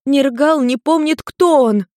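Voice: mid-range voice, fairly even intonation, moderate pace, a little mellow, dry recording, studio quality, voice pushed up, natural voice. A narrator voicing an anxious, protective young woman who speaks in a raised, pleading voice.

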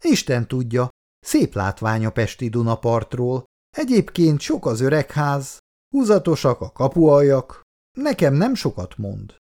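A man reading a story aloud, voicing an eager, cheerful young woman in raised girlish tones. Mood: lively. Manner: excited, high-pitched girlish lines. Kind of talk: read-aloud story dialogue.

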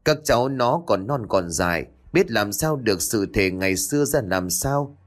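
A man voicing a sorrowful elderly grandmother ghost who pleads in a slow, mournful way in a ghost story. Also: lowish voice, lively intonation. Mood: pleading.

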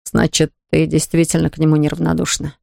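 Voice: mid-range voice, monotone, brisk, gravelly, a little mellow, no echo, clean studio sound. A reader voicing an ardent young man who earnestly begs his sweetheart. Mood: imploring. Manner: earnest, imploring.

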